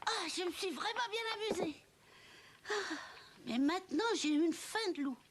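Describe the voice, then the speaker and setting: A woman's voice: very high voice, expressive, moderate pace, background noise. A woman voicing a mischievous wooden puppet boy in a children's audio story, eager and childlike. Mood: cheeky. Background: music.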